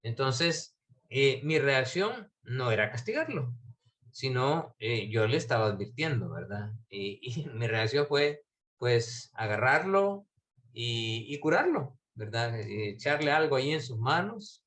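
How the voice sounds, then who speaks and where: A man teaching a Bible class, talking in a halting way with many fillers and restarts. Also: medium pitch, big pitch swings, fairly bright tone.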